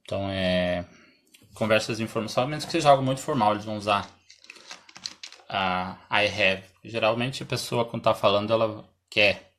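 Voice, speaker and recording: A Brazilian man from Santa Catarina, with a Brazilian Portuguese accent, teaches English on a live stream. His voice is fairly low and a bit bright, and he explains slowly, reads example sentences aloud, often clears his throat and answers viewers' questions.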